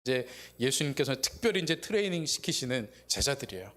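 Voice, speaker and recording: A male pastor preaching at a Friday evening service in an easy, conversational way, retelling the story with many pauses and fillers. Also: mid-range voice, big pitch swings, a bit bright. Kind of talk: sermon.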